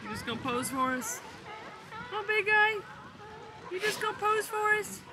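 A woman's voice: very high-pitched, animated, normal speed, very noisy. A woman filming outdoors on a beach, playfully talking to and teasing the animals in a casual, baby-talk way. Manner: coos and teases the sea lions in a playful baby-talk way. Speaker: travel vlogger. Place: outdoors on a sandy harbor beach.

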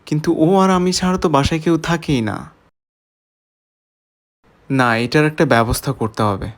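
A man's voice: a little high, expressive, moderate pace, natural voice. A man playing a suspicious young husband who wonders who takes his money and confronts his wife. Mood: suspicious musing. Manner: musing to himself, then confronting. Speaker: husband in comedy skit. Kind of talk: comic skit acting.

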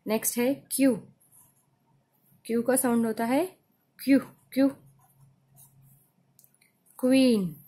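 A woman with an Indian accent teaching letter sounds for children, saying each sound slowly and repeating it. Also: fairly high pitch, steady tone, dark tone, breathy edge. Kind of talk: phonics lesson for children.

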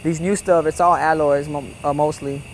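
Young man, fairly high voice, relaxed rambling instructor, lots of fillers, noisy shop behind. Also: moderate pace. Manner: laid-back, rambling, many fillers like "you know" and "like". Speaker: welding instructor. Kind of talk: casual instructional voice-over.

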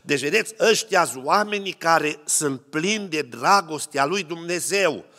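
Male preacher, high-ish voice, storytelling sermon, long church-hall reverb. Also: lively intonation, bright, forceful tone. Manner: preaching with stories, acting out quoted voices.

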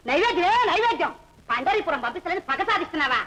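A woman's voice: very high voice, animated, rapid-fire, bright, forceful tone, a little hiss or hum, heavily acted. An actress playing a cruel, taunting mother-in-law in an old film, with music behind her. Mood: scolding. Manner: scolding, taunting. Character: cruel, scolding older female mother-in-law. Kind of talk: 1960s Telugu film acting.

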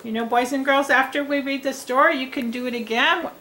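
A woman reading teacher giving a lesson to young children at a tabletop, speaking in a slow, encouraging way and sounding words out. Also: high voice, fairly even intonation, sharp tone. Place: indoors at a tabletop.

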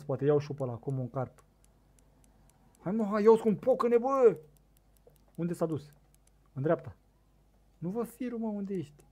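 A young man with a Romanian accent giving casual commentary on a fishing game, excitable and talking to his viewers, on a desk microphone set too loud. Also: a little high. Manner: excitable, shouts bursts at the game, talks to viewers. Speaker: gaming streamer.

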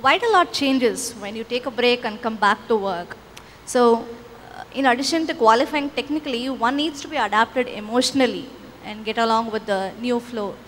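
Woman moderator, high voice. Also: normal speed, a little hiss or hum. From India. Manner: poses questions to the panel. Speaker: panel moderator. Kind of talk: moderating questions. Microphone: handheld microphone.

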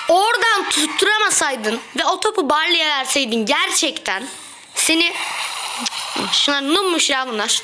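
A woman talking through her matches as a gaming video creator, chatty and quick to get exasperated with teammates. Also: high-pitched. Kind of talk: gameplay commentary. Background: background music.

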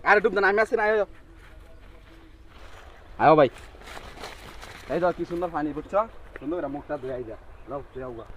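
A man's voice: a little high, lively intonation, brisk, long pauses, close to an everyday voice. A man with a rural Bangladeshi accent playing an exasperated younger brother, coaxing and nagging in an amateur comedy skit. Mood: reassuring. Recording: dull outdoor recording with faint noise.

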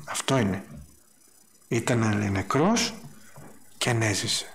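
A man preaching a sermon, telling stories and acting out the dialogue in a raised, animated voice. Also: on the low side, creaky, slight background noise.

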